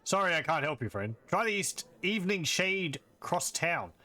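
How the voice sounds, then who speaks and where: A man's voice: high-pitched, very animated, normal speed, sharp tone, voice pushed up, full character voice. A man voicing a folksy, chatty tavern keeper in a fantasy game.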